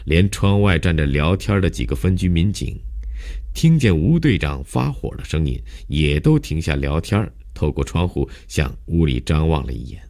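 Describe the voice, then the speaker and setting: A man narrating a novel as an audiobook, with steady, measured storytelling. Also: extremely low pitch.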